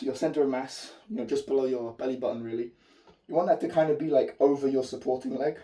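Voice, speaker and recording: A man with a mellow, hoarse voice that is giving out teaches technique in an informal, explanatory way. He is recorded at some distance from the microphone, as an instructor demonstrating moves. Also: medium pitch. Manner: informal, explanatory, occasional swearing. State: losing his voice, hoarse from a fever. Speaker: martial arts instructor. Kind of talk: spoken technique tutorial with demonstration. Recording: distant mic.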